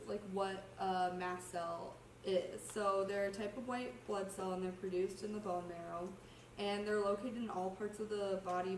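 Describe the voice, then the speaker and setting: A young adult woman who is sick with a cough gives an informal slide presentation as a student, explaining casually and a little hesitantly. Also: medium pitch. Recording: roomy, distant mic, faint noise.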